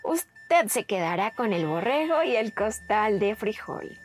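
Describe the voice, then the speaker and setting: A woman voicing a young, clever male village magistrate who speaks in a measured, inquisitive way. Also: mid-range voice, sing-song, soft background music.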